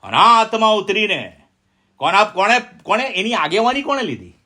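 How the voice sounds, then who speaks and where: A man's voice: high voice, sing-song, moderate pace, sharp tone. A middle-aged man from India preaching a sermon with call-and-response. He speaks with emphasis and keeps asking his listeners questions.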